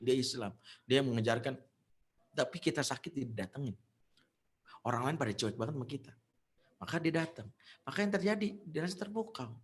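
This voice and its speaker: A man preaching to parents in an animated storytelling style, acting out the voices of the people in his stories. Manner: animated storytelling, acts out quoted voices with big pitch jumps. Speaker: Islamic preacher. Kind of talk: parenting sermon with acted anecdotes.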